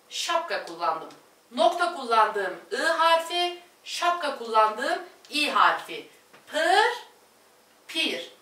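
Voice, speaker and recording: A woman teaching a language lesson at a board, slowly repeating each word pair and addressing her viewers as friends. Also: high voice, pushed and bright, far from the mic. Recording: echoey room, voice off-mic.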